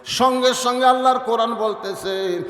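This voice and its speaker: A man preaching a Bengali waz sermon, telling a story dramatically and swinging between shouts, low murmurs and drawn-out chanting, recorded over a loudspeaker at a sermon gathering. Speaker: Islamic preacher. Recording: echoey hall with long reverb.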